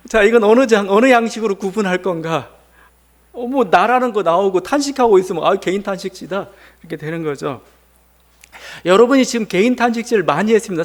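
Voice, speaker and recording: Man, pastor, sermon, high voice, very animated pitch, asks rhetorical questions. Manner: conversational preaching with rhetorical questions.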